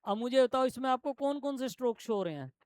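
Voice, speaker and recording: A man teaching shorthand to a classroom, explaining step by step and quizzing his students with quick questions. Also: very high-pitched, expressive, a little mellow, no echo. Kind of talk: classroom lesson.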